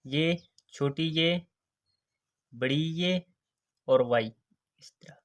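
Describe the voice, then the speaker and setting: Man, English teacher, slow repetitive letter drills, middle-pitched voice. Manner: slow deliberate letter-by-letter drilling, repeating "next" and "okay". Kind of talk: alphabet lesson narration.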